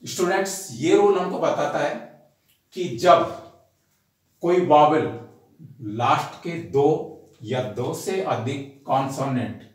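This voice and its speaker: A man with an Indian accent teaching an English spelling lesson, explaining each rule step by step and reading the English rule lines out slowly, word by word. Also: mid-range voice. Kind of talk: spoken grammar lesson. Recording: very echoey room.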